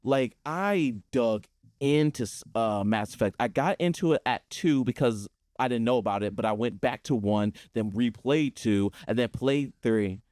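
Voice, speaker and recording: A man co-hosting a casual gaming show, talking excitedly and laughing often. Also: mid-range voice, normal speed, no room sound, clean studio sound. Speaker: podcast co-host.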